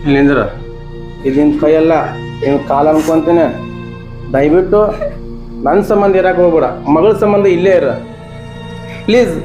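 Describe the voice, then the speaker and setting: A man plays a remorseful husband in a village comedy skit, speaking with a North Karnataka accent. He pleads and placates in a quick, fairly high voice. The room is echoey, and music plays clearly behind him. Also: steady tone, natural voice. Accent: North Karnataka Kannada. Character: remorseful husband begging his wife to stay.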